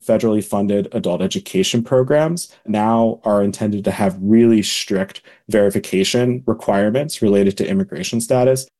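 A man working as a policy analyst answers interview questions in a measured, precise way. His voice is low and mellow.

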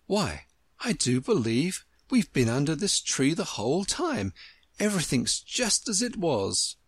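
A man's voice: a little high, very animated, measured pace, breathy edge, no room sound, voice pushed up, full character voice. Man doing a polite, puzzled storybook girl. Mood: surprised. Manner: courteous, hesitant, earnest. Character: polite puzzled young girl, mildly protesting.

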